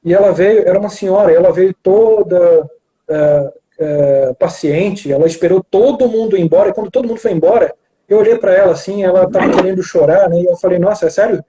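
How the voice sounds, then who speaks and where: Male guest from Brazil, high but warm voice, acts out quoted dialogue while he tells a story over a video call. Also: a little fast, poor audio. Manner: animated storyteller who acts out dialogue, frequent restarts. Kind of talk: storytelling in a live video chat.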